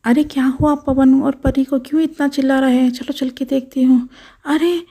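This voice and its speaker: A brave, helpful young village woman from a doll storybook, played by a woman narrator. She calls out loudly in a high, mellow voice and is full of exclamations. She comes across as bold and caring. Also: fairly even intonation, normal speed, natural voice. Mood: puzzled. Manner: loud, exclaiming.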